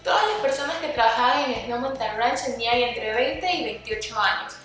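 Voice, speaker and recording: A young woman from Ecuador telling a casual storytime vlog, lively, sometimes acting out quoted dialogue. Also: on the high side, moderate pace, recorded from a distance. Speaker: vlogger. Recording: echoey room, voice a bit off-mic, faint music.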